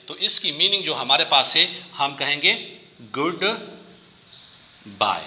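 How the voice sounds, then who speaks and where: Bright-voiced male language teacher. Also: on the high side, animated, echoey room. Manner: patient, repeats words slowly for learners. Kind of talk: classroom language lesson.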